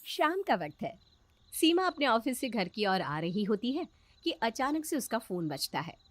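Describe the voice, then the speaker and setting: A woman narrating a children's story in an expressive, sing-song way. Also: on the high side, unhurried, no echo.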